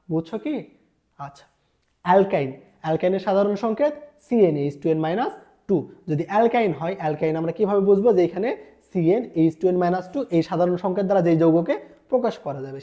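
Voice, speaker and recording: A woman runs through an exam-revision lesson at a brisk clip. Her voice sits fairly low and sounds mellow, and she keeps firing questions at her students and answering them herself. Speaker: chemistry tutor.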